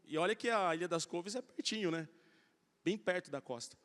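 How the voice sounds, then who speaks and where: Middle-aged male pastor, fairly high voice, lively storytelling sermon, long church-hall reverb. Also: fairly quick. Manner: storytelling, animated, acting out quoted voices.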